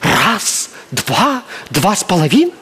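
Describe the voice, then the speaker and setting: A man's voice: sits high, very animated, takes it slowly, exaggerated voice. A man playing a fussy, bossy middle-aged female librarian who scolds and shushes in a stage comedy sketch. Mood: coy, hushed. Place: large indoor theatre stage. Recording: noisy live theatre stage recording.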